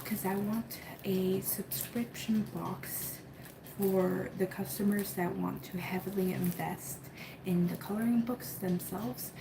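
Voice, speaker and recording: A soft-spoken woman talks slowly through a casual unboxing vlog at home. She rambles and leans on fillers. A steady hum of room noise sits behind her voice. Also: medium pitch. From Cuba. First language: Spanish. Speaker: coloring book creator and channel host.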